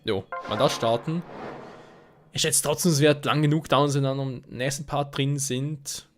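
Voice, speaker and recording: A man's voice: medium pitch, fairly even intonation, moderate pace, faint music behind. A man hosting a let's play, casually commenting on gameplay and talking to viewers as friends. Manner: chatty, addresses viewers as friends.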